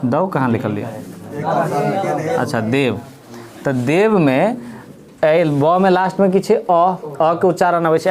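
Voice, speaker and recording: Male teacher with a Maithili accent, slightly high voice, patient step-by-step grammar lesson. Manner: explains step by step, asking and answering his own questions. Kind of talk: grammar lesson for school students.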